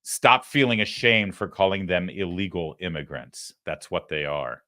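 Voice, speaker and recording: An American man hosting political commentary, speaking emphatically, pausing for weight and posing rhetorical questions. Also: low voice, animated, sharp tone.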